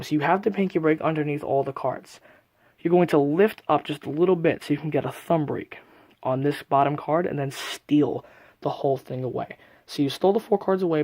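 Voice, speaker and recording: A man's voice: fairly high pitch, darkish tone, dry recording. A man giving a casual, methodical step-by-step card trick tutorial, often recapping as he goes. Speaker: magic tutorial presenter.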